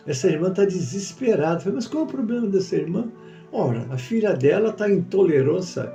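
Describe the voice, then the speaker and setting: A man preaching as a pastor, telling a testimony and acting out the dialogue in a lively storytelling manner. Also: sits high, vocal fry, dull audio. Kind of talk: sermon testimony. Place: church.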